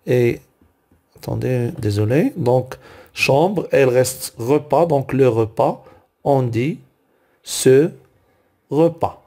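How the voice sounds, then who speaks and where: Male language teacher, mid-pitched, unhurried, patient and methodical, talks through drills item by item. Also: lively intonation, mellow. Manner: patient, repeats each word aloud, corrects own slips. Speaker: French teacher. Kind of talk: slow explanatory grammar lesson.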